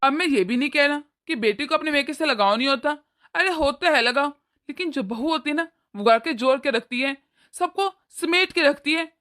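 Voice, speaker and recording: A woman doing an older cartoon father-in-law, calm and moralizing, with a high voice that stays bright and forward, patient and fatherly as he talks his wife through what went wrong. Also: normal speed. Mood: lecturing. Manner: lecturing, gentle moralizing. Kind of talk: cartoon voice acting.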